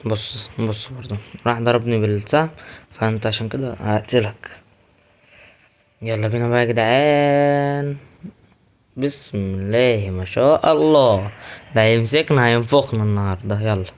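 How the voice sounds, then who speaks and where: Fast-talking excitable Egyptian gamer man. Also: mid-range voice. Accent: Egyptian Arabic. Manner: excitable, chatty, addresses viewers directly. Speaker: gaming YouTuber. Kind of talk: live gameplay commentary.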